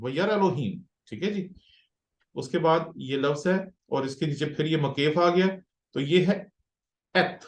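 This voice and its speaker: A male pastor teaching Biblical Hebrew in a slow classroom lecture, patiently repeating words syllable by syllable. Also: on the high side, a little mellow. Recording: roomy echo.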